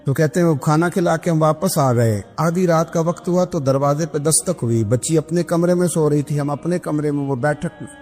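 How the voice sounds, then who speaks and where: A male preacher telling religious stories in a sermon, acting out the people in them with big swings of voice. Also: hardly any pauses. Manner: animated storytelling, acting out quoted speakers with big pitch swings. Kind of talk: Islamic sermon storytelling. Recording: echoey hall with background music.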